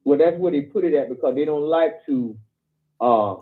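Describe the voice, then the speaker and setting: A male caller on a talk show, telling stories in a rambling, halting way with many fillers. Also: fairly high pitch. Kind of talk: phone-in talk. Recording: tinny phone line.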